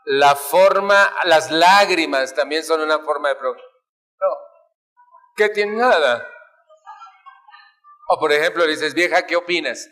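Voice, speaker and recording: A man's voice: a little high, takes it slowly, pauses often, sharp tone, soft background music. Mexican man, playful, acting out scenes. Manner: playful, acts out family arguments with shifting voices. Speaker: speaker at a family recovery talk. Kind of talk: humorous talk to a live audience.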